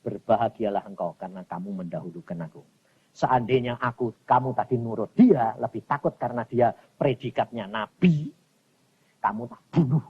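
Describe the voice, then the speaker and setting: A man's voice: mid-range voice, moderate pace, husky, dull audio, voice pushed down. A man voicing a stern, solemn God. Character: stern male God speaking to a believer.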